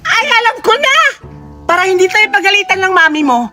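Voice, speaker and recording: A woman voicing an eager, cheerful young boy in a cartoon, excitable and bossy. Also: very high-pitched, a little fast, exaggerated voice. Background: background music.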